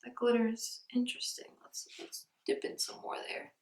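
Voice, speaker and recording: A high-voiced woman with a gravelly edge chats her way through a beauty unboxing. She slips into a soft near-whisper now and then. Her voice echoes around the room because she has no proper mic. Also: wildly swooping pitch, normal speed. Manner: chatty, often drops to a soft near-whisper. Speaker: beauty vlogger. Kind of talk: casual unboxing chat.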